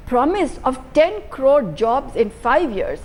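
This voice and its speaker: A woman's voice: sits high, big pitch swings, takes it slowly, a little mellow. A woman with an Indian accent, a panelist giving political commentary in a hesitant way, full of fillers and restarts. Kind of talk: debate commentary.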